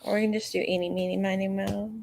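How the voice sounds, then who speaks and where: A woman's voice: medium pitch, flat delivery, fast talker, gravelly, darkish tone, no echo. A woman co-hosting a livestream in a casual, teasing way, joking with her partner and the viewers. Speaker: livestream co-host.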